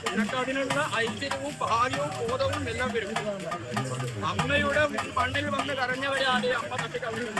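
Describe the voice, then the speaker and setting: A man with a Kerala accent speaks in a strikingly high voice over loud music. He delivers possessed oracle pronouncements, blessing and exhorting devotees in repeated ritual phrases. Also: steady tone, normal speed.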